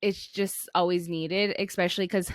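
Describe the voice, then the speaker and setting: A young adult American woman from Flagstaff, Arizona, co-hosts a podcast in a casual, reflective manner with thoughtful, hesitant phrasing. Her voice is on the low side, level in tone, at a normal pace, with no echo.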